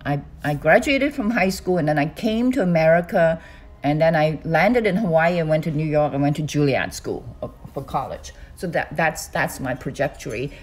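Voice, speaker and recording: An older woman from Hong Kong talking to her phone in a loose, animated monologue, gesturing as she speaks. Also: normal speed. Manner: animated, gesturing with both hands, swooping pitch. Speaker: vlogger. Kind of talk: casual monologue to camera. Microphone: phone on a stand close to her.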